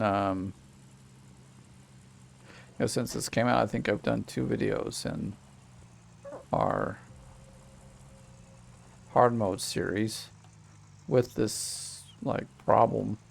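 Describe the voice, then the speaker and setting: Speaking slowly with vocal fry and frequent pauses, a gaming host comments casually on his game at his desk at home, a small child at his side. The fairly low voice has fairly even intonation, he wanders and self-corrects while chatting to the child, and there's a little hiss or hum.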